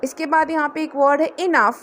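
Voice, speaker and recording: Woman tutor, high voice, patient step-by-step explainer, light background hiss. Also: fairly even intonation, normal speed, a bit bright. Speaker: English tutor. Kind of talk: spoken English lesson.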